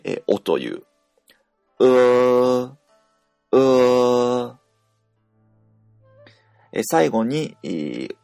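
Japanese guy teaching pronunciation, slow and patient, bit of vocal fry, dry close sound. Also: on the low side, a little mellow, no echo. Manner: patient, explanatory, pauses often to demonstrate sounds. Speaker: language teacher. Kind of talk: audio language lesson.

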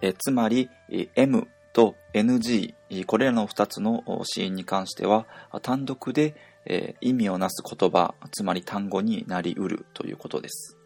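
A man teaching a pronunciation lesson, explaining slowly with many hesitation fillers. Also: lowish voice, gravelly, darkish tone, soft background music. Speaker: language teacher.

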